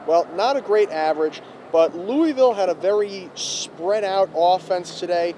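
A young man reporting a postgame recap outdoors on a handheld mic, brisk and stat-heavy. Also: high voice, warm tone. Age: young adult. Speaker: student sports reporter. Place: outdoors in front of an arena. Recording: faint street noise outdoors.

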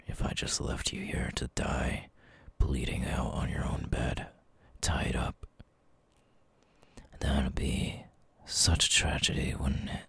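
Man acting out Eyeless Jack, very deep whispering monster. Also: completely flat delivery, fairly bright tone, heavily acted. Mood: mock-sympathetic. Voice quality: breathy, gravelly whisper. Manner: slow, deliberate, taunting. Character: menacing eyeless male night creature, sadistically fond and teasing. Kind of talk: ASMR audio roleplay.

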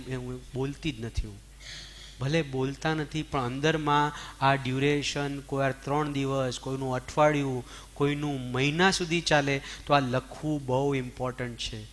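A man giving a spiritual discourse, animated and questioning his listeners, mixing in English words. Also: medium pitch. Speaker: spiritual teacher. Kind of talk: Jain discourse to an audience.

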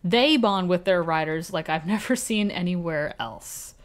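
A woman voicing a kindly older male village blacksmith in a vague put-on accent, reading game dialogue aloud in a formal, warm way. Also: on the low side, measured pace, natural voice.

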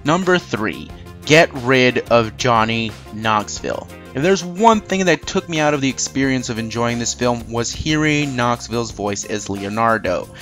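A man's voice: mid-range voice, lively intonation, a little slow, fairly bright tone. A man hosting an opinionated countdown commentary, conversational and emphatic with sarcastic asides. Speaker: movie review host. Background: music.

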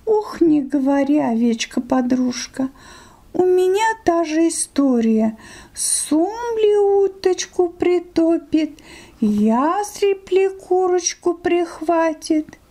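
A sly vixen from a fairy tale, as a woman storyteller puts her on. The voice is high and swooping, chummy and gossipy, drawing words out slowly. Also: lively intonation, mellow, exaggerated voice. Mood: sympathetic, gossipy. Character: sly, sympathetic female fox, chatty and friendly.

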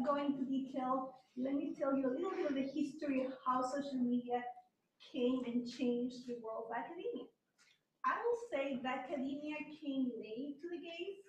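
Woman from chile, 40s, chatty lecture, high voice, super echoey far off room mic. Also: slight background noise. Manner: conversational, self-deprecating, occasional light laughs. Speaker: guest speaker. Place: university seminar room. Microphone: far room camera.

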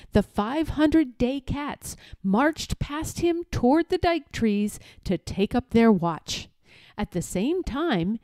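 In a soft, mellow, fairly high voice, a woman storyteller reads a children's story aloud with very expressive, swooping delivery and deliberate phrasing. The recording is close and dry.

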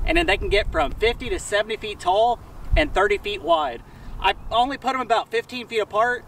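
A man's voice: high voice, gravelly. Tired man vlogging outdoors. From Texas. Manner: relaxed, chatty, many fillers like "uh". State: tired after a day's work. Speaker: homesteading vlogger. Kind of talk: casual vlog talk to camera. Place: outdoors on a rural property. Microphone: camera mic, from a distance. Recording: distant outdoor camera audio, faint noise.

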